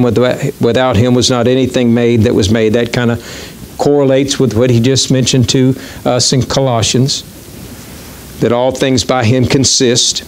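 A man preaching a sermon as pastor, reading scripture quickly and slowing down to stress key words. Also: mid-range voice. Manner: reads verses quickly, then slows to stress key words. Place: church.

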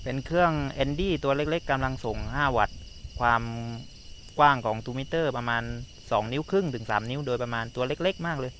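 A medium-pitched man talks over a walkie talkie with clear noise around him. He sounds like a radio operator outdoors, using polite, formal radio procedure. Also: animated, normal speed. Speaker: amateur radio operator testing a handheld. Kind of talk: polite two-way radio exchange. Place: outdoors on high ground.

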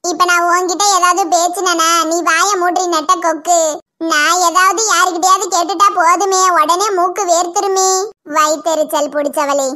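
A woman with a Kanyakumari Tamil accent voicing a shrill, bossy, quarrelsome village mother-in-law in a cartoon. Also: fairly even intonation, normal speed, bright, forceful tone. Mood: scolding. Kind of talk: cartoon voice acting.

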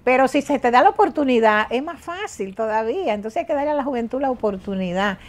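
An older woman from the Dominican Republic talks as a guest on a TV studio set. Her voice is close and clean through a lapel mic, with lively emphasis and restarts when she gets excited. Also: fairly high pitch, fast. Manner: lively, emphatic, frequent hesitations and repeats. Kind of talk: casual interview talk.

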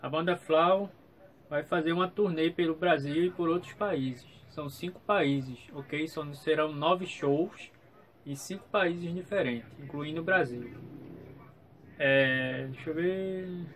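Guy w vlogging in a small room, kinda high voice, repeats himself, some background noise. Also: unhurried, a bit bright. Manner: hesitant, repeats himself, frequent checking tags. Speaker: YouTube channel host. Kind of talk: casual vlog update to viewers. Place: small room at home, indoors.

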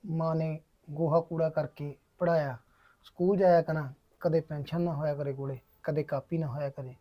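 Man acting as a poor kidnapper, halting confession, raised voice, dark tone. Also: on the high side, fairly even intonation, close to an everyday voice. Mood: sorrowful. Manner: halting, confessional, repeats phrases. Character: young male kidnapper, poor, bitter and remorseful. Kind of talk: short film drama acting.

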